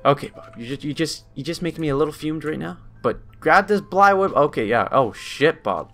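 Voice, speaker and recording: A young man giving casual, excitable game commentary, swearing a lot and talking to his character. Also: a little high, normal speed, faint music behind. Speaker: gaming channel host.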